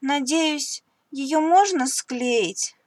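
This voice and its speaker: A woman's voice: high-pitched, extremely slow, darkish tone, no room sound, voice pushed up. A woman voicing a polite, apologetic neighbor mother in a storybook reading.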